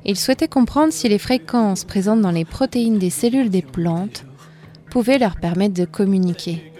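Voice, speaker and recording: Woman host, scripted narration, warm mellow tone, faint music behind. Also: medium pitch, normal speed. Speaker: radio host.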